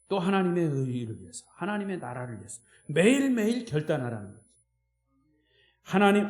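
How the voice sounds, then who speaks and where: A man's voice: a little high, darkish tone, roomy sound. A man preaching a sermon as pastor, emphatic, with repetition and rhetorical questions. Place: church sanctuary.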